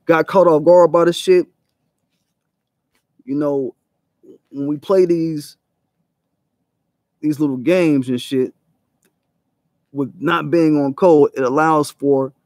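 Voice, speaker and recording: Male vlog host, raised voice with gravel, profane and emphatic, dead-dry close recording. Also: on the high side, mellow, dry recording. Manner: profane, emphatic, rhetorical questions; mocks others in quoted voices. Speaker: channel host. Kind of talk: unscripted commentary monologue.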